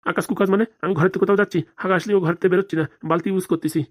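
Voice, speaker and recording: A woman's voice: on the low side, steady tone, racing, close to an everyday voice. A woman doing a grumbling old cartoon husband. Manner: grumbling and complaining. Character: old male husband, grumbling, stingy, timid.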